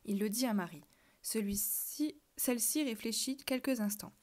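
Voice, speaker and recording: Woman reading a children's novel aloud, soft hushed storytelling, whispers at tense moments, slightly high voice. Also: normal speed. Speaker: reader.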